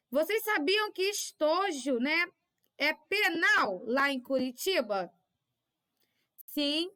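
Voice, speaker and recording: A woman's voice: high voice, bright, forceful tone. A woman teacher, giving a recorded lesson to children and patiently checking in with little tag questions. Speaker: primary school teacher.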